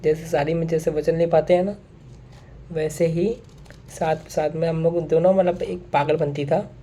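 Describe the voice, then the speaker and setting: A man's voice: fairly high pitch, fairly even intonation, normal speed, warm tone, slight background noise. A young man talking straight to his viewers in a casual monologue, earnest and repeating his points, with English phrases mixed in. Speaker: vlogger.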